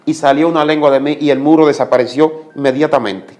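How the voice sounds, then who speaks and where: A man's voice: fairly high pitch, steady tone, fast talker, darkish tone, faint music behind. A man giving a religious testimony as a guest, speaking like a preacher and repeating commands for emphasis.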